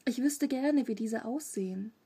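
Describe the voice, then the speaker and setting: A woman's voice: a little high, a little slow, warm tone, husky, heavily acted. A woman reading a storybook, voicing an earnest, questioning nine-year-old boy.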